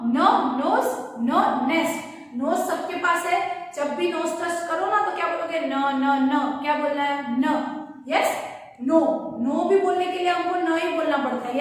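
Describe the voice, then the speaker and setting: A woman teacher with an Indian English accent giving a phonics lesson to young children, drilling sounds through repeated questions and answers. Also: sits high. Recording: echoey room from far off, faint noise.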